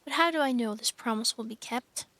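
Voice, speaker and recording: A woman's voice: a little high, brisk, bright, forceful tone, no echo. Scornful storybook witch queen, cold and haughty, a woman voicing her. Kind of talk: reading aloud a storybook.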